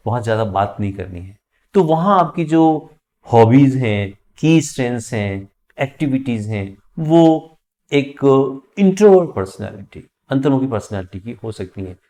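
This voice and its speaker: A man with an Indian accent teaching interview communication skills, speaking clearly with deliberate pauses and emphasis. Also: on the low side, dark tone. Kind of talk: instructional talk to camera.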